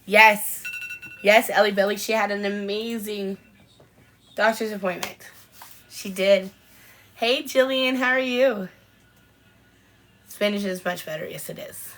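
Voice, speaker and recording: A woman co-hosts a podcast in a relaxed live-stream chat. She answers viewer comments one after another in a chatty way, with frequent ums and pauses between thoughts. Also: medium pitch, slight background noise. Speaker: podcast co-host.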